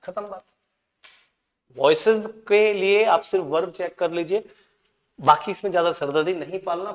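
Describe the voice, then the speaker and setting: A man with an Indian accent, teaching English for an exam, who asks his students questions and answers them himself. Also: high voice. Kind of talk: explaining test questions. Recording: echoey room with long reverb.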